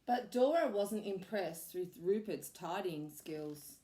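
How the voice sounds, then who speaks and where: A woman preschool teacher reading a picture book aloud to children, gentle and expressive. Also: mid-range voice. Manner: gentle, slow, expressive storytelling.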